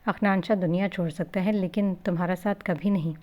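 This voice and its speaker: A woman's voice: lowish voice, fairly even intonation, brisk, warm tone, natural voice. A woman reading the part of an affectionate, joking young husband in a storybook reading.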